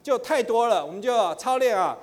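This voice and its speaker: A middle-aged man teaching in church, chatty with many fillers, slowing into chanted prayer. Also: very high voice, animated. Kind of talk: sermon teaching. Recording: long hall reverb.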